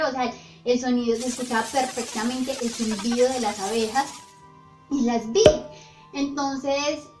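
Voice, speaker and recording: A young woman vlogger telling her own paranormal stories in an animated, breathless way. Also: a little high. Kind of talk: storytime narration. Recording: roomy, slightly dull, faint music. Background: faint background music.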